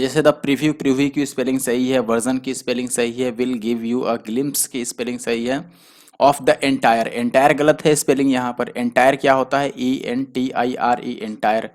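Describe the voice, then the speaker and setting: A man teaching a spelling lesson for exam students, who explains patiently and spells words out letter by letter. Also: medium pitch. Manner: explains patiently, spells letters out slowly, often adds "theek hai". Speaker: exam prep tutor.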